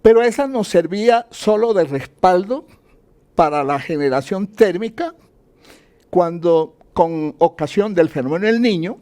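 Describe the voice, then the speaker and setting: Speaking a little slowly but with animation, this Colombian man has a high voice with a darkish tone. In his role as an interviewed economist, he explains step by step, numbers his points, and asks and answers his own questions.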